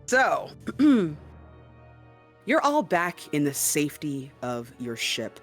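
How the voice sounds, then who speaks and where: A man working as a game master, improvising scene narration and often pausing to search for words. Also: on the high side, wildly swooping pitch, a bit bright, soft background music.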